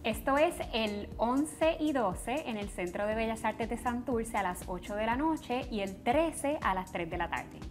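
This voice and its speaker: A woman, a dancer guest, speaking haltingly and searching for words. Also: fairly high pitch, lively intonation, faint music behind. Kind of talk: TV interview.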